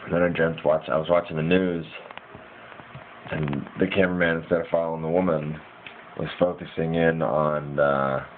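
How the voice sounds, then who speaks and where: Deep-voiced man hazily recounting a dream. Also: fairly even intonation, moderate pace. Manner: informal slangy speech with mild swearing. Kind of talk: casual rambling first-person dream recounting. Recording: muffled lo-fi mic with hiss.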